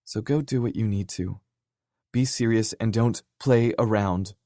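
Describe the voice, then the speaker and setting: A man's voice: lowish voice, unhurried, dark tone, no echo, pitched above the performer's own voice, lightly acted. A heartbroken young woman confesses her love, her voice lifted and pleading, as a man reads her part. The audiobook sound is close and dry, with no room around it. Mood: hurt, pleading.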